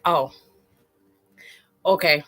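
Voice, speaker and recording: This self-proclaimed psychic in her forties talks extremely slowly in a low-pitched, fairly bright voice. She chats casually on her live stream and laughs as she replies to comments from viewers.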